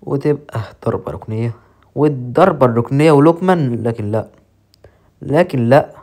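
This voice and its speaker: A man with an Egyptian accent commentating his own football game match with excited, joking play-by-play. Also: mid-range voice, moderate pace. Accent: Egyptian Arabic. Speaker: mobile football gamer.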